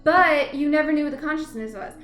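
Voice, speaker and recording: A woman's voice: high voice, fast, fairly bright tone, reverberant, faint music behind. A woman vlogging in a casual, rambling way. She laughs easily and hums filler syllables while she gathers her thoughts. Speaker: vlogger reviewing a TV episode. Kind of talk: casual rambling chat to camera.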